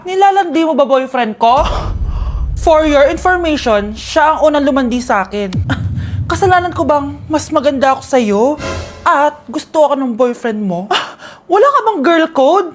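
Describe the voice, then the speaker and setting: High-voiced woman acting classroom skits. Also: expressive, moderate pace, faint music behind. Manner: playing several classroom characters. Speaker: comedy sketch performer. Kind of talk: skit acting.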